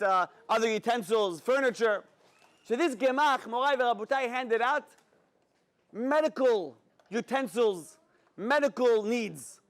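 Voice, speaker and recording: A man giving a sermon as a rabbi, an animated storyteller who talks straight to his audience. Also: high-pitched. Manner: animated storyteller, acts out dialogue, addresses audience directly.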